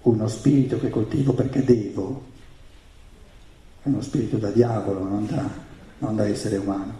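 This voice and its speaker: A man whose native language is German gives a spiritual lecture in Italian with a German accent, using a lowish, steady, dark voice at normal speed. He's emphatic, repeating phrases and posing rhetorical questions to an audience in an indoor room, and the live recording sounds roomy and echoing.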